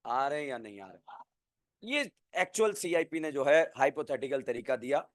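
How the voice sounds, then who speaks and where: A man's voice: very high voice, sharp tone, clear, resonant tone, dry recording, clean studio sound. A man teaching chemistry to a classroom, quizzing students, counting their answers and explaining with playful name mnemonics. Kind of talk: classroom lecture.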